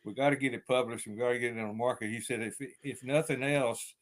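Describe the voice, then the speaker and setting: This older author speaks with a deep East Texas accent while chatting as an interview guest. He talks fast in a steady tone, rambling casually with lots of fillers and restarts.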